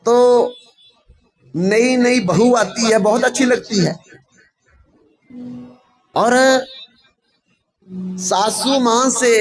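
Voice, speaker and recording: A man giving a devotional scripture discourse, telling a moral story in a slow, drawn-out way and addressing his listeners as brothers. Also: extremely high pitch. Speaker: religious storyteller.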